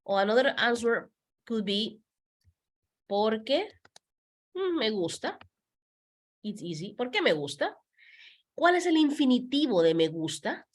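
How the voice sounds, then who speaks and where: With a high-leaning voice and big swings in pitch, a woman teaching Spanish gives an unhurried grammar lesson for beginners. She leans on key words, repeats examples slowly and patiently, and drops into English to clarify points.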